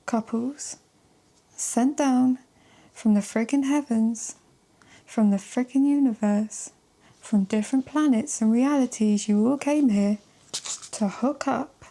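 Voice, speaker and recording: A woman gives a relaxed tarot love reading to camera. Her voice sits a little high with a mellow, warm tone. She talks slowly and emphatically, swears casually and now and then drops into a soft whisper. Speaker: tarot reader.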